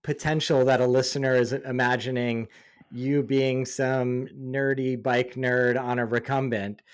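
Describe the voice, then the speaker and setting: A man hosting a podcast, chatting in a relaxed, friendly and curious way with his guest. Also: mid-range voice, a little slow, clear, resonant tone. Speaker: podcast host. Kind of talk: casual podcast interview and read ad.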